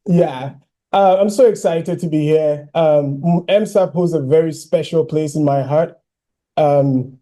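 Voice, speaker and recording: A man in his thirties from Ghana, giving a personal keynote speech as an animated storyteller who often says "you know". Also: a little high. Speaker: keynote speaker.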